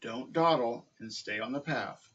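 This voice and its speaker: A man's voice: mid-range voice, measured pace, a bit bright, husky, recorded from a distance, lo-fi sound. A man voicing a caring but firm mother in a storybook.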